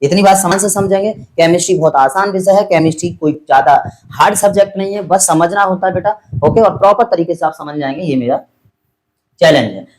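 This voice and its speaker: A man's voice: high voice, a little mellow, poor audio. A man teaching a chemistry lesson, explaining step by step and patiently repeating his points. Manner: patient and repetitive, calls students "beta" and checks their understanding; slows down to spell out chemical formulas.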